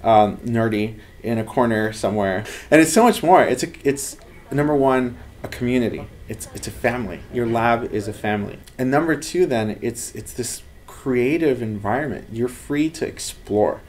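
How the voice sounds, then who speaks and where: A man's voice: medium pitch, normal speed, a little mellow. A man in his thirties from Los Angeles, a lab head talking earnestly and animatedly about his work in an office interview. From Los Angeles, United States. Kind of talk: casual interview talk. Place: office with bookshelves, indoors.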